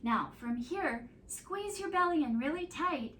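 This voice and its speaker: A woman leading a preschool yoga class, giving gentle, sing-song prompts to children. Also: sits high, lively intonation, measured pace, a little hiss or hum. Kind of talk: guided kids' yoga instruction. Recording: echoey room, mic at a distance.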